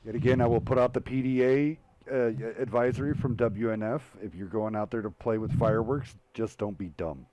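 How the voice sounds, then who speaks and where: A man hosting a weekly online tank match show, calmly announcing players and giveaways. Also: mid-range voice, brisk, hardly any pauses, lo-fi sound. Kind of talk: esports commentary.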